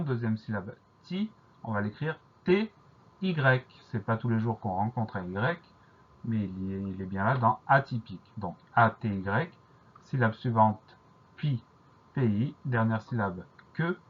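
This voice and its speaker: Man, middle pitch, husky, patient spelling teacher, dull lo-fi recording. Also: lively intonation. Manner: slow, careful, repeats each spelling. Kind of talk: dictation lesson, spelling words letter by letter.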